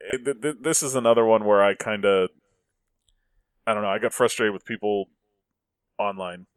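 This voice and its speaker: Male podcast host, low voice, dry close sound, earnest arguer. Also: moderate pace, clear, resonant tone, no echo. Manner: earnest, builds arguments, frequent restarts. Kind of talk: casual podcast chat.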